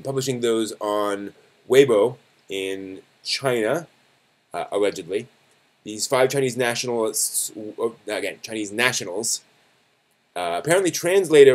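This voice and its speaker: Delivering news commentary on his live stream, a man with a medium-pitched, darkish voice talks in a loose, chatty way. He hesitates at times and frequently corrects himself.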